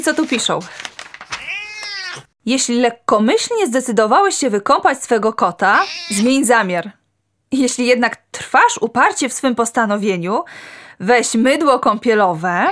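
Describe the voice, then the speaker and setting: A woman's voice: a little high, fairly bright tone, slight background noise. An actress playing a cat owner who talks to her pet in a chiding way. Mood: reading aloud.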